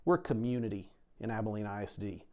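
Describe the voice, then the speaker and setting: A man's voice: fairly low pitch, animated, fast, mellow. A middle-aged man answering in an interview as a school superintendent, blunt, emphatic and defiant.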